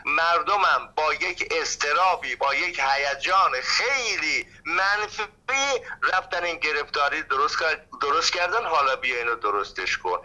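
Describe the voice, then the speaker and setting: Sharp-voiced older man calling in by phone. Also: a little high. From Iran (Saveh). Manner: heated, lecturing, addresses the host as "brother". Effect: caller's voice over a phone line. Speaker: radio call-in caller. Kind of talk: impassioned call-in opinion.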